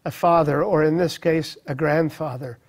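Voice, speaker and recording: A middle-aged man telling a personal testimony in an earnest, reflective way, with halting restarts. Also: fairly high pitch, fairly even intonation. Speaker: speaker sharing a personal testimony. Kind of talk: personal storytelling.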